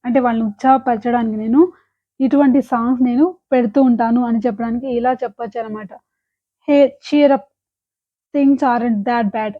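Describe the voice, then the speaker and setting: Brief: female English teacher, high voice, slow deliberate examples, tinny phone-like audio. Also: steady tone. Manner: slow, deliberate example sentences between quick explanations. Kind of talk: language lesson.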